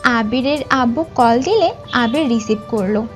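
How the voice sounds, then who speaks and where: A woman's voice: fairly high pitch, a little slow. A woman narrator reading a scripted romantic story with music behind her.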